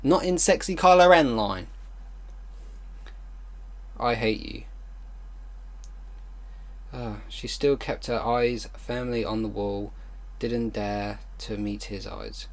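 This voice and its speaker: Reading fan fiction haltingly for his online video, a mid-range-voiced man can't hide his exasperation, adding disbelieving commentary as he goes.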